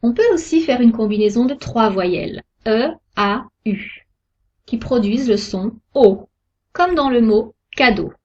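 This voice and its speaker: A woman giving a scripted pronunciation lesson, sounding out each example word slowly and carefully. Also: on the high side, lively intonation, a little mellow. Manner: slow, careful, deliberate articulation of example words. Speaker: French pronunciation teacher. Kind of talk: slow scripted lesson narration. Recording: dull lo-fi recording.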